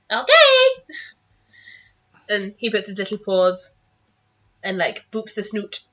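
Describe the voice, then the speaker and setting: Bright, giggly woman game master. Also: medium pitch, a little slow, dull audio. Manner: giggly, animated, informal. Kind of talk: casual improvised tabletop game narration.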